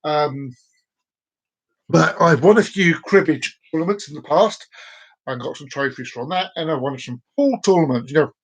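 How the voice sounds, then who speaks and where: A man's voice: on the high side, moderate pace, a bit bright, slightly rough. A man in his forties hosting a casual live stream, chatting playfully with viewers and repeating his words as he rambles. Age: 40s.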